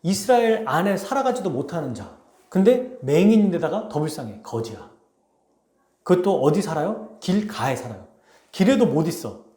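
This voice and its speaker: Animated Korean pastor in an echoey hall. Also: male voice, a little high, normal speed. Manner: animated storytelling, asks the congregation questions. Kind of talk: sermon. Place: church sanctuary.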